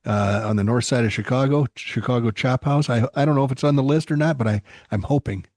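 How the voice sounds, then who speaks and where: A man's voice: mid-range voice, fairly quick, a little mellow, no room sound. A man hosting a podcast in casual chat, wordy, playful and self-deprecating, speaking close to the microphone. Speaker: podcast host.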